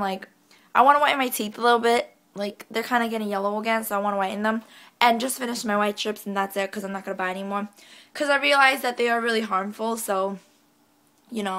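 A woman's voice: on the high side, bright, forceful tone. A teenage girl chatting casually in a daily vlog, rambling with lots of filler words. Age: teens. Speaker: vlogger.

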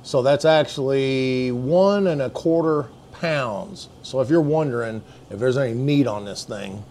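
A man's voice: mid-range voice, a little slow, a little mellow, slight background noise. A man, chatting casually as he reviews food in a deli, folksy and savoring each bite. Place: indoor deli dining room.

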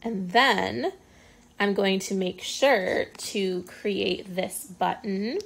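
A woman speech-language pathologist walks through a software tutorial one step at a time. Her voice sits in a middle pitch, and she talks casually, filling the pauses with ums. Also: vocal fry, slightly rough. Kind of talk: screen-recorded software tutorial.

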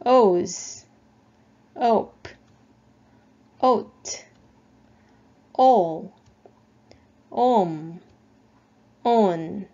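A woman with a Korean accent teaching an English phonics lesson, speaking slowly and patiently and repeating each sound twice. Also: medium pitch, dark tone, muffled recording.

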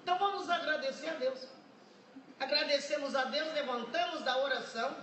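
A woman in her seventies from Brazil with a Brazilian Portuguese accent, giving an emotional church testimony in a lively, humorous storytelling manner. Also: high-pitched, brisk. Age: 70s. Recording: echoey hall, distant mic, noisy.

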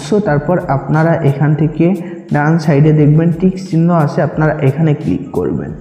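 Very animated and fairly quick, a warm, high-voiced man with a Bangladeshi accent presents a step-by-step app tutorial, restating his directions as he goes, in a reverberant, echoing room.

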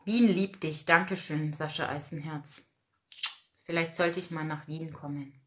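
A woman's voice: low voice, fairly even intonation, measured pace, fairly bright tone. A woman in her forties hosting a casual livestream, outspoken and ranting while reading out viewer comments. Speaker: livestream host.

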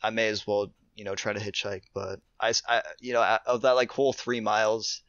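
A man's voice: on the low side, little pitch movement, a little fast, a bit bright, clear, resonant tone, dry recording. A young man, a podcast guest, chatting casually about hiking with many fillers and restarts. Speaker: podcast guest, thru-hiker. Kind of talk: casual interview chat. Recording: dull lo-fi remote audio.

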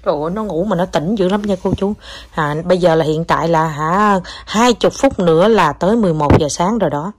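Chatty mom vlogging. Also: female voice, on the low side, a little fast. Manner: chatty, animated, teasing her child. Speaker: mother vlogging her child's morning. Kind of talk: casual chat to viewers. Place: home, by a sleeping child.

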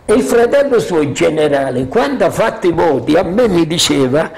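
An older man recalls the past in a freewheeling, animated way, pitch jumping up and down as he goes. His voice sits a touch high for a man and has a gravelly crackle. He keeps checking that his listeners are following. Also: brisk. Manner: freewheeling, keeps asking "capito?"; animated storyteller, chuckles often. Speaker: witness sharing memories. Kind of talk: rambling spoken recollection.

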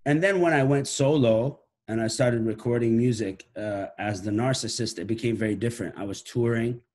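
A man's voice: mid-range voice, normal speed, a little mellow. Thoughtful man talking on a video call. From Iraq. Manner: thoughtful, restarts phrases, gestures with hands. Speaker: musician and professor. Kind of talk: reflective talk to camera. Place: living room at home. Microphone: laptop webcam video call.

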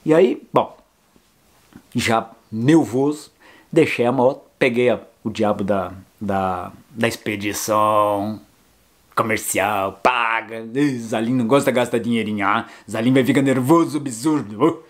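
An older man from Brazil tells his motorcycle travel stories straight to camera, animated and full of jokes. His voice sits at an ordinary middle pitch, and he talks in a loose, colloquial way. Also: a little slow. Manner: animated, jokey, colloquial storytelling. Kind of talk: casual storytelling to camera.

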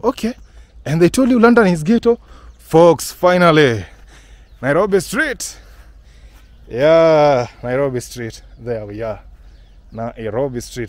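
Kenyan man, lively rising and falling voice, casual walking vlog, outdoors, phone mic, mixes English and Swahili. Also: mid-range voice, no room sound. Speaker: vlogger and house-hunting guide. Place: outdoors on a residential street.

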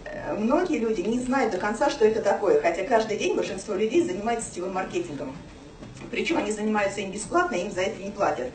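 A woman's voice: mid-range voice, lively intonation, fast talker, slight background noise. A woman in her thirties telling her own story to a small audience, chatty and full of fillers, filmed from across a small office room. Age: 30s. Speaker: speaker at a business meeting. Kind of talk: personal story talk to an audience. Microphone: far camera, no mic. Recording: roomy, distant camera sound.

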